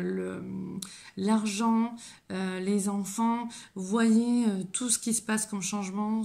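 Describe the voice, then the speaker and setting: A woman working as a medium, giving a live oracle card reading, speaking haltingly with many restarts and gently encouraging her viewers. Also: medium pitch, gravelly. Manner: hesitant, halting, with frequent fillers and restarts. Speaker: medium and spiritual guide.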